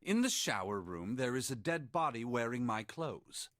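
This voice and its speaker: Give me a man acting a measured, courteous game character with a lively, expressive pitch. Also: dry recording, clean studio sound, natural voice. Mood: calm. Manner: formal, calm, precise. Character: composed blind gentleman, polite and measured.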